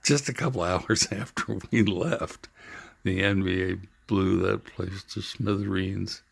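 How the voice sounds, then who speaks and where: An older man telling his own story in an earnest, halting way, with frequent pauses and fillers. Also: low-pitched, fairly even intonation, creaky, husky, no room sound. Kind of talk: reflective personal storytelling.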